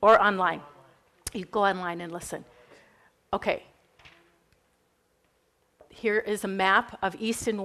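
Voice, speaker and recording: A woman with a Minnesota accent teaches church history to a live group in a classroom. Her lecture is chatty and informal, full of fillers and asides, delivered in a mid-range, fairly bright voice.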